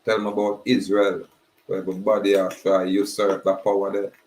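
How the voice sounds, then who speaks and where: A man giving a slow, emphatic preaching monologue. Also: deep voice, completely flat delivery, darkish tone. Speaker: spiritual speaker. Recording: roomy echoey recording.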